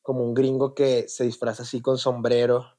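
A man's voice: mid-range voice, little pitch movement, normal speed, dark tone. A man co-hosting a podcast, teasing and joking in casual banter. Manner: playful, teasing. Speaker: podcast co-host.

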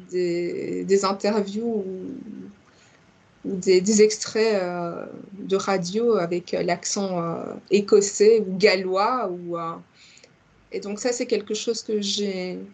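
A woman's voice: medium pitch, darkish tone, breathy edge. A woman who is a podcast guest, talking at length in a chatty, expansive way with many small restarts. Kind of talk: casual podcast conversation.

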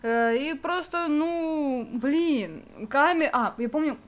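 A woman's voice: high voice, animated, takes it slowly. A young woman with a slightly raised voice chats casually as a podcast co-host. She rambles and circles back, padding her speech with fillers and laughing easily. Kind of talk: casual nostalgic chat.

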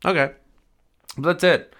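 A man co-hosting a casual recap podcast, swearing often and talking in a sarcastic, animated way. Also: on the high side, measured pace. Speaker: podcast co-host.

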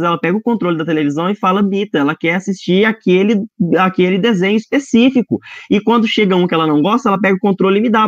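A man speaking over a low-quality online video call, earnestly urging teachers to adapt. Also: no room sound. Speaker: teacher giving a webinar talk. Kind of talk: earnest webinar advice to teachers. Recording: dull lo-fi dry video-call stream.

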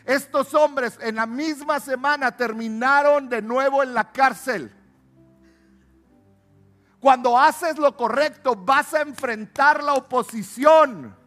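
A man preaching a sermon, swinging between loud emphatic calls and low hushed asides. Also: slow, faint music behind.

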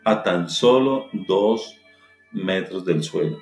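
A man's voice: low-pitched, lively intonation, slow pace. A man telling a dramatic story with a moral and then urging listeners to act on it. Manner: dramatic, exhorting. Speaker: motivational speaker. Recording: roomy with faint music.

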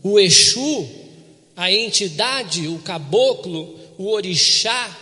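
A man preaching a sermon as pastor, reading scripture slowly and repeating words to drive them home. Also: high-pitched, lively intonation, bright, forceful tone. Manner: reads scripture slowly, repeats words, asks the congregation to respond. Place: church broadcast on radio. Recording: long hall reverb.

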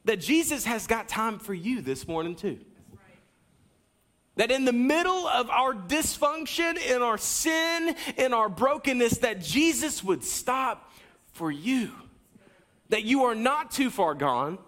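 Man, pastor, high voice, energetic sermon, wide swings in pitch and loudness, talks straight to the congregation. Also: slow pace. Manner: addresses the congregation directly, with asides and a coaching tone.

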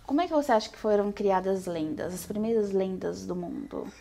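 A Brazilian woman as a podcast guest, talking in relaxed casual chat. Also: mid-range voice, brisk, creaky. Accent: Brazilian Portuguese.

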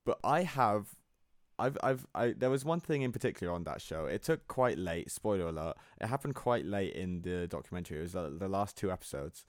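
Male podcast co-host, deep voice, rambling casual delivery, dry studio sound. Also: lively intonation, brisk, no room sound. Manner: rambling, laughs easily. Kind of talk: casual chat.

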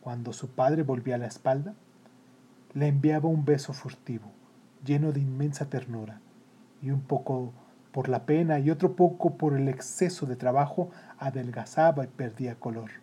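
A storyteller reading a children's story in a calm, steady way. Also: medium pitch, normal speed, slightly rough. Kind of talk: scripted narration of a children's story.

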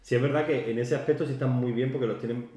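In an echoey room, a joking podcast co-host chats casually at a fast clip, his voice medium-pitched. He tells stories animatedly, slipping into put-on voices for quotes, over slight background noise.

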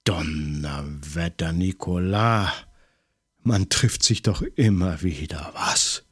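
A man voicing a gruff middle-aged police commissioner in an audiobook, rough and commanding. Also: low-pitched, takes it slowly, fairly bright tone, no echo, clean studio sound, voice pushed down, full character voice. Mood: menacing.

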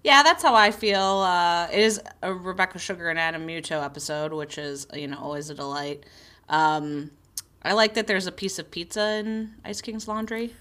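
A woman's voice: on the low side, normal speed, pushed and bright. A woman co-hosting a podcast, chatting casually about a cartoon episode in a laid-back way, laughing often and using many fillers. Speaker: podcast co-host.

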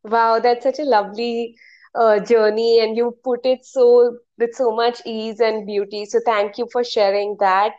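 A woman's voice: on the high side, flat delivery, measured pace, a little mellow. A woman hosting an interview show, addressing her guest and asking questions in a conversational way. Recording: dull lo-fi audio with music.

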